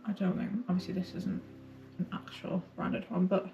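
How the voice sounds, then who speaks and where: A woman's voice: on the low side, level tone, moderate pace, gravelly, dark tone, muffled recording, faint music behind. Chatty woman vlogger talking casually to camera. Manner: informal, chatty, self-deprecating. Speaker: running vlogger.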